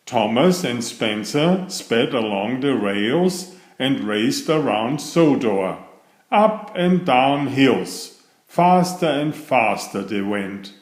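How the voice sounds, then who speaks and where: The clip features a man narrating a bedtime story for kids, deliberate and full of expression, the way a storybook reader would. His voice is mid-range, and the room adds noticeable echo.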